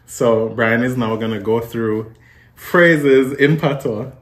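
A man with a Jamaican accent chatting casually as he explains things, in an animated, teasing way. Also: mid-range voice, takes it slowly. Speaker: host quizzing a guest.

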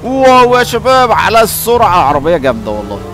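A man with an Egyptian Arabic accent giving playful, joking gameplay commentary as a video host, often breaking into shouts. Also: sits high, wildly swooping pitch, quick pace. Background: game music.

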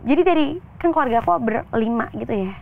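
A woman's voice: on the high side, fast talker. Young woman telling a personal story, tinny sound. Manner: chatty, animated storytelling with quoted voices. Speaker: actress guest. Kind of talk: candid interview talk.

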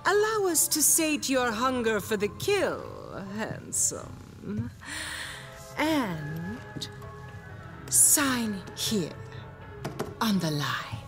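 Flamboyant showwoman, slow and swooping. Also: fairly high pitch, very animated, full character voice. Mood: seductive, grand. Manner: theatrical, grandiloquent, lingering on words. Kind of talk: video game character acting. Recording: game music behind the voice.

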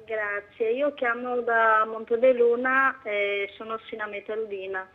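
A woman calling in to a health show over the phone, asking a question in halting, hesitant speech. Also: fairly high pitch, fairly even intonation. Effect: phone line. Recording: tinny phone-line audio.

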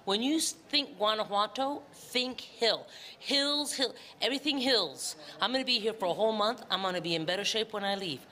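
Filming herself at arm's length on a phone or camera, this middle-aged vlogger chats in a casual, emphatic way and repeats words for effect. She has a medium-pitched, bright, forceful voice at a normal speed. Most of it is recorded outside on hilly town streets, with some indoor parts.

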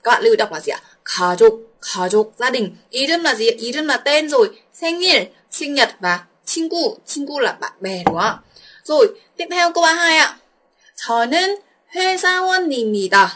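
A Vietnamese woman teaching a Korean exam walkthrough, coaxing her students with quick questions. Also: high-pitched, expressive, fairly bright tone, slight background noise.

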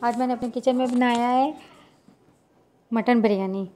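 A woman, talking viewers through a recipe step by step in a plain, unhurried voice-over. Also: on the high side, steady tone, mellow, slight background noise. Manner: plain instructional, unhurried with small restarts. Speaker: cooking channel host.

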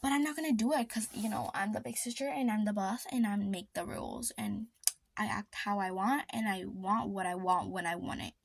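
A woman's voice: mid-range voice, a little fast, vocal fry, breathy edge, no room sound. A woman chatting to camera, gossiping about her sisters in a dramatic, indignant way, full of "like", now and then dropping to a whisper for secrets. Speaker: vlogger.

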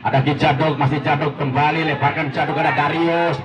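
A man's voice: on the high side, steady tone, a little fast, highs cut off. A man giving live play-by-play football commentary, often repeating players' names. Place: outdoor village football ground. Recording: echoey PA, distant, crowd noise. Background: crowd.

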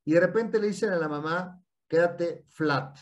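An animated man with a Mexican accent talks through his ideas in a relaxed, explanatory way. His voice sits a little high for a man, and he keeps stringing points together. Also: fast, highs cut off. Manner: animated, repeats "y entonces". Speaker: guest speaker. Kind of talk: casual explanatory talk.

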